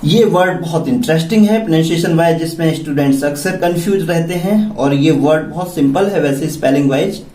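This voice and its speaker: A man's voice: fairly high pitch, a little fast, hardly any pauses, dark tone. A man with an Indian accent teaching English vocabulary, spelling words out letter by letter and asking the class questions. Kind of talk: classroom-style vocabulary lesson. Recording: echoey room, mic at a distance.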